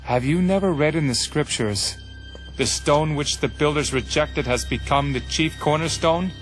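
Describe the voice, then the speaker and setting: An actor playing Jesus in a scripture audio drama, a teacher speaking parables with solemn, measured authority. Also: male voice, fairly high pitch, natural voice. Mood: solemn warning. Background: music.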